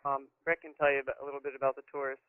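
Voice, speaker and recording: A man's voice: medium pitch, level tone, racing, no room sound. A man in his twenties from New Jersey, a band member telling how it started in an easygoing, casual way with lots of ums. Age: 20s. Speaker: band member, interview guest. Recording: tinny phone line.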